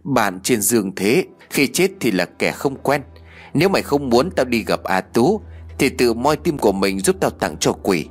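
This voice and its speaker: A man's voice: medium pitch, sing-song, moderate pace, husky. A man voicing a hungry, vengeful young male ghost who is turning into a demon, by turns eerie and menacing, over faint music.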